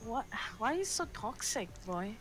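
A high-pitched woman with an Indian accent banters with a teammate during a game. She teases playfully and mixes English with Hindi over background music. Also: big pitch swings, normal speed. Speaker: gaming teammate on voice chat. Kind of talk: casual playful teasing.

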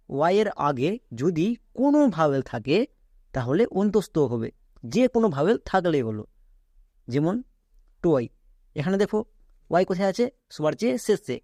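A man's voice: fairly high pitch, a little mellow, no echo, clean studio sound. A man teaching an online reading lesson, spelling words out letter by letter and asking his students questions that he then answers himself. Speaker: English teacher.

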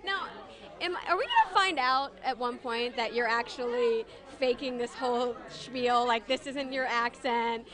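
A woman's voice: fairly high pitch, big pitch swings, unhurried, fairly bright tone. A woman reporter interviewing guests in an upbeat, teasing, giggly way. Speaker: entertainment reporter. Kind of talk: red-carpet interview.

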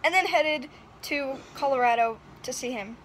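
In a laid-back travel vlog shot on an arm's-length phone in a hotel room and a car, a young woman talks and giggles in a high voice at a moderate pace. There's heavy noise in the background.

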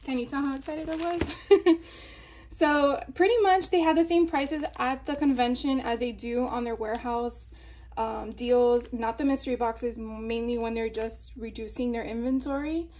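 A woman's voice: a little high, fairly even intonation, normal speed, a little mellow, a little hiss or hum. A woman in a casual haul video, talking chattily with fillers and little laughs while showing craft supplies at a table. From Florida. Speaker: craft vlogger. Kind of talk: casual haul show-and-tell. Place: indoors at a table.

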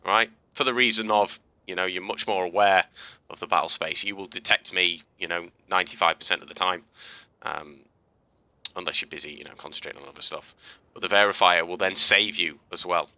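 A man casually talking through game footage as a tutorial host, chatty and relaxed, with fillers and restarts. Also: deep voice, brisk, no room sound, muffled recording. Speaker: gaming video host. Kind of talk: casual gameplay commentary and tutorial.

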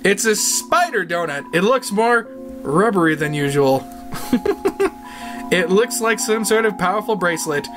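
Excitable woman gamer, jokey commentary, very lively pitch, faint game music behind. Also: a little slow. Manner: excitable, jokey, laughs often, yelps. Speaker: let's play gamer. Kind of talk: gaming commentary.

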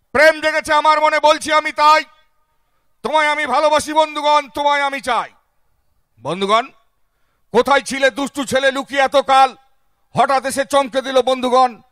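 Brief: man doing a grandstanding male politician, very high and bright, declaiming a stump speech. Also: fairly even intonation, moderate pace, long pauses, no echo, clean studio sound. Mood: grandiose. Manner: declaiming, repeating "friends" as a refrain. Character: bombastic male politician giving a campaign speech.

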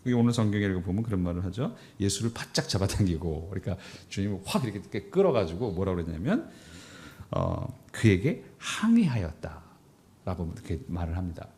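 A man's voice: on the low side, a little mellow. A man preaching a sermon as pastor, in a conversational way that acts out quoted dialogue.

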